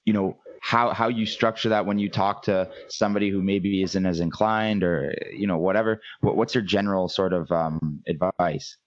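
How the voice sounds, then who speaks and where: A man's voice: low voice, steady tone, moderate pace, few pauses, dry recording. A young man hosting a podcast, asking questions in a hesitant way full of fillers. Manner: hesitant, filler-heavy phrasing. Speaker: podcast host. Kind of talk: interview questions. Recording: dry, dull lo-fi sound.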